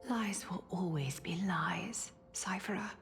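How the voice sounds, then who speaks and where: Solemn, noble leader, lowish voice. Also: female voice, a bit bright, faint music behind. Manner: measured, solemn. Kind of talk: video game voice acting.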